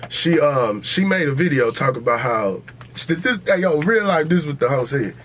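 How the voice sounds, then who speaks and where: Here the American host's voice is on the high side and fairly bright, swinging widely in pitch at a moderate pace over a little hiss or hum. He keeps it casual and opinionated, emphatic, heavy on slang and cursing, and repeats himself.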